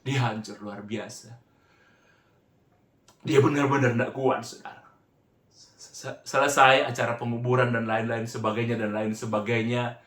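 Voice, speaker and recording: A man's voice: mid-range voice, little pitch movement, measured pace, pauses often, a bit bright, reverberant. A man preaching a sermon, telling a story with feeling and often breaking off and restarting his words. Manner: emotional, keeps addressing listeners as "saudara".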